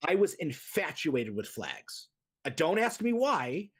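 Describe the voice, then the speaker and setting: A US-born man in his thirties chats as a podcast guest in a casual interview, rambling with lots of fillers and restarts. His husky voice is a little high, with big pitch swings and a measured pace.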